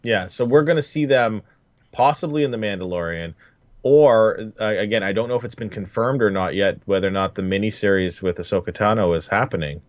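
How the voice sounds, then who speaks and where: A male podcast co-host chats casually, often stalling and repeating himself mid-thought. His voice is on the low side. The recording is dry and slightly muffled, as if a cheaper mic was used. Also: dry recording. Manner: halting, repeats words while searching for them. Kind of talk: casual chat.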